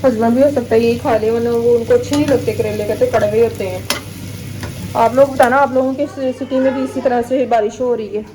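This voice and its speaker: A woman's voice: on the high side, fairly even intonation, fairly quick. A woman from Pakistan chatting casually to her viewers in a home vlog, showing her cooking and sewing and talking to her children. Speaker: family vlogger. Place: home kitchen and rooms.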